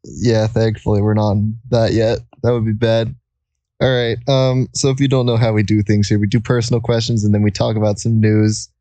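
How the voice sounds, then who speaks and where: A man's voice: on the low side, level tone, brisk, dark tone, no room sound. A young man hosting a casual podcast while recording under a blanket, rambling and giggling as he talks. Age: young adult. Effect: muffled, recording under a blanket. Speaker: podcast host.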